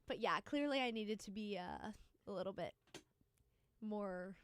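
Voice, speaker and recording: A woman's voice: mid-range voice, expressive, clean tone. Young woman chatting sports on radio. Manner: chatty, fillers, quick opinions. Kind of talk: casual sports chat.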